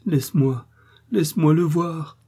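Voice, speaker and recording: A man's voice: medium pitch, moderate pace, dark tone, husky. A man voicing a passionate young woman who begs and implores in a storybook reading. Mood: pleading. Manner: imploring, pleading.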